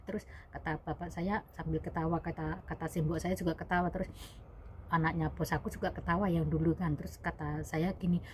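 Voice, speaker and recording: Low-voiced woman telling a rambling story. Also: fairly even intonation, brisk, slight background noise. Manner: rambling, self-correcting, addresses viewers as guys. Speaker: vlogger, domestic worker abroad. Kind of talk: casual spoken storytelling.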